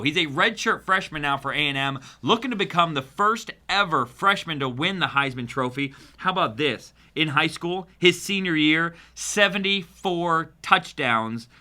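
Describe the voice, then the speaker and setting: Bright, punchy sports show host, a man. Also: a little high. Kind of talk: studio sports talk with stat rundowns.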